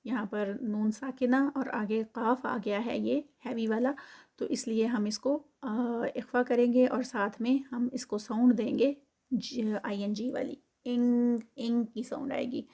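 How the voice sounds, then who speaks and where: A woman's voice: on the high side, fairly even intonation, dark tone. A woman walks through Quranic recitation rules letter by letter. Her tone is patient and methodical, like a teacher leading a class, and she sets each explanation out step by step. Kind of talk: tajweed lesson, explaining then reciting.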